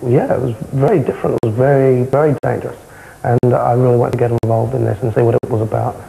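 A young man with a South London accent, answering interview questions in a matter-of-fact, halting way. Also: medium pitch, steady tone, creaky, warm tone, slight background noise, rough recording. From South London, England. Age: young adult. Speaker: interviewee, former far-right insider. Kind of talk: candid television interview. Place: indoor television interview, close camera.

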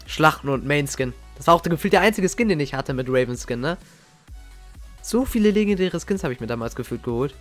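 Young guy gushing over old gaming clips, slangy and hyped, voice a bit on the high side, faint music behind. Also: fairly quick. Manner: slangy, excitable, reminiscing. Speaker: gaming YouTuber. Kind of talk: casual reaction commentary. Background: faint game music.

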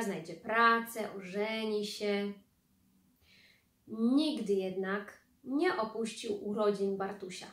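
A woman who is a school librarian, reading a children's book aloud in a calm, measured storytelling manner. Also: medium pitch. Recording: echoey room.

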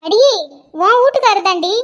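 A woman voicing a calm, matter-of-fact middle-aged mother in a cartoon, speaking lower than her girl character. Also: moderate pace, lo-fi sound.

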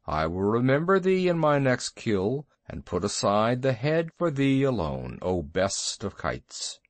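A man voicing Bagheera, a proud male panther, speaking gravely in old-fashioned formal language. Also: medium pitch, sing-song, a little slow, no echo.

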